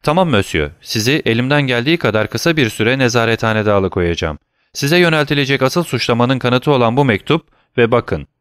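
A man's voice: mid-range voice, lively intonation, fairly quick, fairly bright tone, smooth, no room sound, studio quality, pitched above the performer's own voice, close to an everyday voice. A man voicing a shaken, secretive middle-aged male prosecutor who speaks curtly and commandingly, then turns persuasive. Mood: stern.

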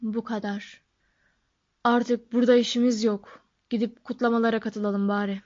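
A calm, wise old wizard , as a woman reading puts him on, speaking low, soft and measured in a storybook. Her voice sits fairly high, and the recording is dull and lo-fi. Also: close to an everyday voice. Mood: quiet. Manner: quiet, measured, gentle.

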